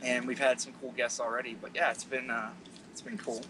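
A man hosting a casual podcast, laid-back with dry, deadpan humor. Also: mid-range voice, brisk, background noise. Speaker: podcast host.

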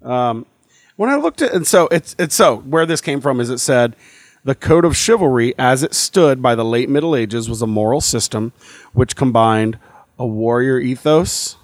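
A man's voice: mid-range voice, expressive, normal speed, no room sound. A man co-hosting a podcast, chatting casually and thinking aloud with many fillers and restarts. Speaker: podcast co-host. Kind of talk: casual chat.

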